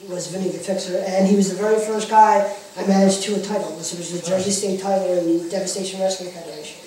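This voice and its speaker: A man's voice: sits high, steady tone, fast talker, mellow, slight background noise. A man who works as a pro wrestling manager, chatting casually and talkatively in an interview, repeating himself for emphasis. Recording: echoey room, far from the mic.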